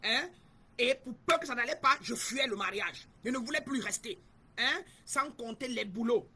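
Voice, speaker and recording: A woman's voice: a little high, normal speed, pushed and bright, husky. A middle-aged woman from Cameroon, a spiritual guide giving an emphatic, repetitive teaching talk and speaking straight to her listeners.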